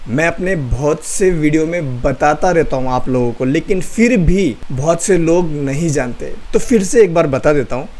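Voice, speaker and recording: A man with a slightly higher voice gives an online Bible lesson. He keeps firing rhetorical questions and answering them himself, and hammers key phrases through repetition. When he reads scripture he slows right down to a deliberate pace. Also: darkish tone. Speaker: host and Bible teacher. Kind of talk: online Bible teaching talk.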